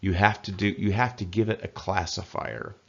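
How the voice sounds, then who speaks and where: A man giving a casual spoken language lesson, chatty and folksy, slowly repeating words to model pronunciation. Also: fairly low pitch, steady tone, creaky, highs cut off. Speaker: language teacher.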